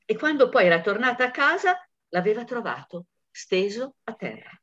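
A woman reading a short story aloud in a measured, expressive storytelling manner. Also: a little high. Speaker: audiobook reader. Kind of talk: scripted narration. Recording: dull lo-fi recording.

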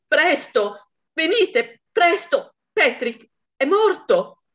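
A woman reading aloud puts on a young wife faking grief in a storybook reading. She pitches up high and frantic, pleading in a breathless rush over a dull, lo-fi recording. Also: lively intonation, moderate pace, fairly bright tone.

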